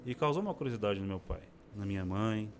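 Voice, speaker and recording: With a lowish voice and a quick pace, a man in his forties tells his personal testimony as an interview guest in easygoing conversation. He mimics the voices of the people he quotes, and a little hiss or hum sits under the recording.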